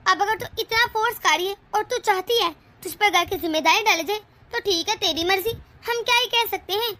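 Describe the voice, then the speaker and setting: A woman's voice: very high-pitched, a little fast, bright, forceful tone. A woman voicing an old, bossy mother-in-law in a cartoon, giving orders and scolding. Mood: commanding. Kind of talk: cartoon voice acting.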